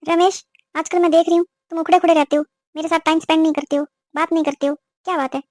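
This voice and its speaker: A woman's voice: very high voice, flat delivery, fast, a little mellow, no echo. A woman voicing a suspicious, scolding middle-aged mother-in-law in a cartoon. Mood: hurt. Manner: scolding, complaining. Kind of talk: cartoon voice acting.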